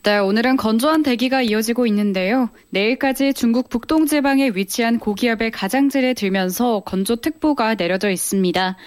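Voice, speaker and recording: High-pitched female radio weather caster. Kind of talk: scripted radio weather and safety bulletin.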